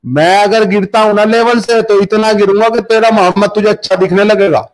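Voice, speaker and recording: Aggressive high-voiced man hosting a debate. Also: fairly even intonation. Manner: aggressive, insulting, badgering. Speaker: debate stream host. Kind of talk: heated online debate.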